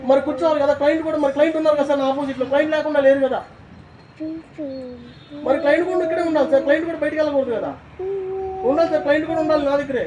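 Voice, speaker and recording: A man's voice: very high-pitched, fairly even intonation, racing, long pauses, distant mic, dull audio, noisy background. A man arguing insistently as a recovery agent, repeating himself and calling the other man sir. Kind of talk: heated argument.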